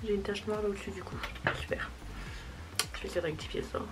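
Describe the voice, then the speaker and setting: A woman's voice: mid-range voice, fairly even intonation, quick pace, over loud music, low-quality recording. A young woman chatting casually through a makeup tutorial, self-deprecating and talking while she applies products. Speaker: beauty vlogger.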